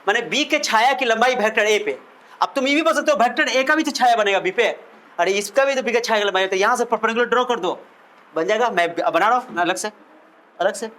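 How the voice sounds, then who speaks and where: A man's voice: high voice, brisk, sharp tone. A male physics teacher giving a classroom lecture, playful and teasing, repeating questions back to his students.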